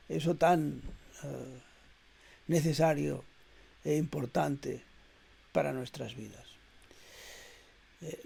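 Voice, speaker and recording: A middle-aged man delivering a reflective spoken essay in a measured, hesitant way, with frequent "eh" fillers and repeated words. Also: fairly high pitch, creaky, dark tone. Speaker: essayist reading his own text.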